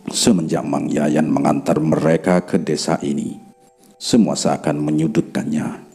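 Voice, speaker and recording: Deep, dark-toned man telling a horror story, faint music behind. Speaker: narrator. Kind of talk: scripted horror story narration. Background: faint background music.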